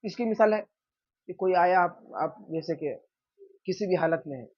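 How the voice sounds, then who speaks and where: A man teaching an informal religion class, asking questions and answering them himself, often checking in with his listeners. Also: high voice. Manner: conversational, checks in with "theek hai". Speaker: Islamic teacher. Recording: dull lo-fi sound.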